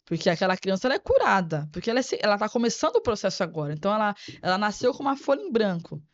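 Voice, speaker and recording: A woman's voice: medium pitch, big pitch swings, very fast, dry recording. A woman guest on a podcast interview, an educator speaking in an earnest, reflective way and repeating words as she thinks. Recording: dry, slightly dull sound.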